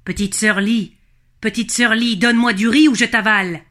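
A woman voicing a greedy, menacing river dragon in a children's storybook, loud and threatening. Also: fairly high pitch, steady tone, moderate pace, natural voice.

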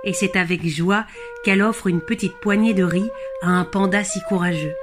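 A woman narrating a children's storybook in a lively, expressive, rhythmic way. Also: mid-range voice, normal speed, over music.

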